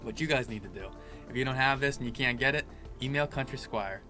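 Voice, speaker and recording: A man's voice: mid-range voice, fast, sharp tone. A man giving a loose, informal review in a casual chat, as a pipe tobacco reviewer. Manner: informal, loose delivery full of "like". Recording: music clearly playing behind.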